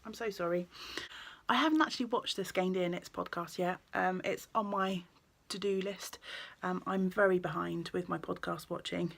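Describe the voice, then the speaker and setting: A woman, chatting casually about her knitting in a vlog, rambling along with many ums and quick self-corrections. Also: lowish voice, fairly even intonation, vocal fry, a bit bright, husky. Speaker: knitting vlogger and yarn shop owner.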